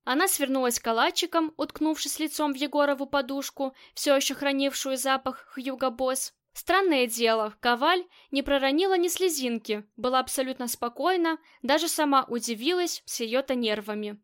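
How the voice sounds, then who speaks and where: A woman narrating a crime novel as an audiobook, with steady, even storytelling. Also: sits high, moderate pace, few pauses. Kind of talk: scripted narration.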